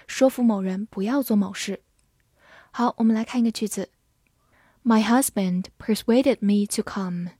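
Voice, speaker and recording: A woman whose first language is Chinese teaches English vocabulary from a script, spelling words letter by letter and slowly reading example sentences. Her mid-range voice is dark with a breathy edge, recorded cleanly in a studio with no room sound.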